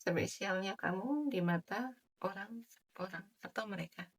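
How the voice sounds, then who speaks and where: A woman giving a general tarot reading in a soft, chatty way, with many filler tags. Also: medium pitch, unhurried. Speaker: tarot reader.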